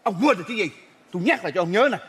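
A man's voice: high-pitched, animated, rapid-fire, a bit bright, breathy edge. A man playing an indignant father in a live stage comedy sketch, firing back short questions. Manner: indignant, blustering, repeats questions. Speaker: comic actor playing a father. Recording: live stage with audience noise.

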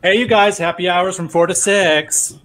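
A man's voice: high-pitched, steady tone, moderate pace, a bit bright, pitched above the performer's own voice. A man playing an overeager middle-aged mother who tries too hard to be hip, in a comedic script reading. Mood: eager.

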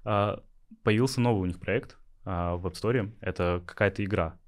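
A deep-voiced young man speaks at a moderate pace. He's a startup founder from Yakutia, Russia, replying to interview questions tentatively and using many filler sounds.

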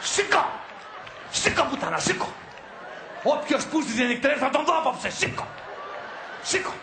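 An actor playing a hot-tempered, sleepy husband who shouts, swears and repeats himself. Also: male voice, very high-pitched, very animated, gravelly, a little hiss or hum, heavily acted. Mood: furious. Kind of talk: comedic film acting. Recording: roomy echo.

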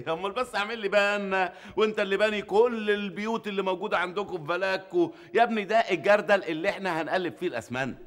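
An actor playing a pompous, jokey middle-aged Egyptian husband in a sitcom, speaking with an Egyptian Arabic accent. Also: male voice, sits high, a bit bright. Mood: joking, boastful. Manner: pompous, jokey, quick patter. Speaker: family man building a rooftop room. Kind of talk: sitcom acting.

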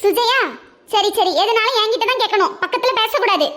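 A woman's voice: very high voice, a little fast, fairly bright tone. A woman voicing a stern cartoon teacher. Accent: Tirunelveli Tamil. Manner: stern, scolding. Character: strict middle-aged female schoolteacher. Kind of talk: cartoon voice acting.

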